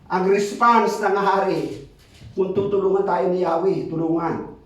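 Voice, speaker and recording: A man preaching a sermon, switching between Tagalog and English and reading scripture aloud, emphatic and swinging between quick urging and slow drawn-out phrases. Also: sits high, steady tone, muffled recording. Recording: very echoey hall, mic far off.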